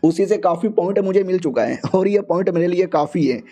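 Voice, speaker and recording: A man's voice: high-pitched, brisk, mellow. Cocky crude young hero, as a man puts him on. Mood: easygoing. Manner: mocking, swaggering, slangy.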